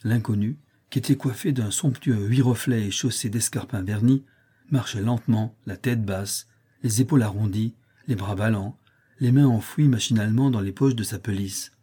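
A male audiobook narrator reads a short story in a measured, expressive way. His tone is dark and mellow, with a husky edge to the voice. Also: on the low side. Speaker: audiobook reader.

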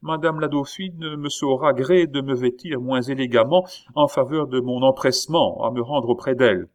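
A man's voice: mid-range voice, moderate pace, voice pushed up, close to an everyday voice. A man reading an audiobook and voicing a polite, restrained young noblewoman answering her father. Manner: polite, restrained, soft-spoken. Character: composed young noblewoman, dutiful daughter.

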